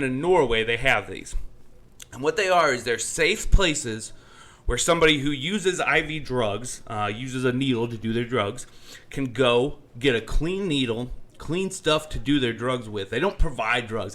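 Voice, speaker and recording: A man's voice: medium pitch, expressive, moderate pace, pushed and bright. A man co-hosting a podcast, chatting casually about the news in a loose, rambling way with lots of fillers. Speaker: podcast co-host.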